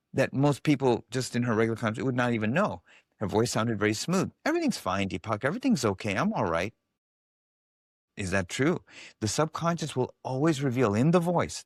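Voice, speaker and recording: A man's voice: medium pitch, no room sound, studio quality. A man being interviewed as a guest expert, telling stories with animation and acting out the voices of the people he quotes. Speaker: guest, biofeedback specialist. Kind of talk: casual interview storytelling.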